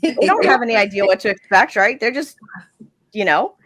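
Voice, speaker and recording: A woman's voice: fairly high pitch, expressive, fairly quick, a bit bright. A woman dispatcher telling a story in casual podcast chat, chatty and full of "like"s. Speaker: 911 dispatcher and podcast guest.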